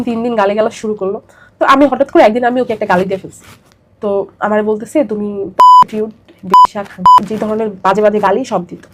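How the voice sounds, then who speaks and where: Her fairly high voice has a slightly bright quality. The young woman, who has a Bangladeshi accent, is being interviewed and rushes through a personal account, going over the same points again to drive them home.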